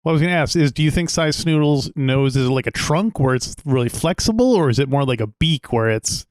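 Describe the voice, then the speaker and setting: Animated-sounding man hosting a playful podcast. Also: on the high side, a little fast, no echo. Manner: playful, mock-classy pronunciation of some words. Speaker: podcast host. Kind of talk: casual movie podcast chat.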